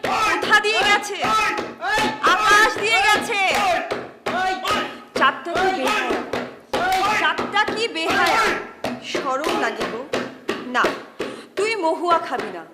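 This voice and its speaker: An actress playing a young woman who loudly rehearses melodramatic stage lines and snaps back at her neighbor. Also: very high voice, animated, slow, long pauses, heavily acted. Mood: theatrical rehearsal. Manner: melodramatic chanting of rehearsed lines, sharp retorts. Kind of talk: comedy drama acting. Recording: echoey room with music behind.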